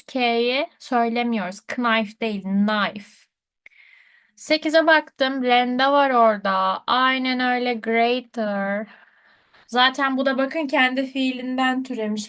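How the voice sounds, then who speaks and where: Slow, high-pitched woman teaching. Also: a bit bright. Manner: patient, checks answers with students. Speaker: English teacher. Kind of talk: live online lesson.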